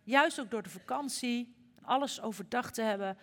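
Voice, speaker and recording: A woman's voice: fairly high pitch, normal speed. A woman from the Netherlands preaching a sermon in a chatty, storytelling way, with frequent fillers. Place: church service. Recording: reverberant church hall.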